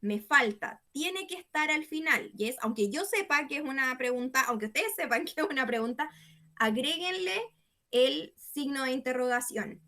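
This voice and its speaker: A woman's voice: high voice, animated, moderate pace, sharp tone. A woman teaching an English class. She explains patiently and repeats herself, checking in with a questioning "yes?" after nearly every phrase.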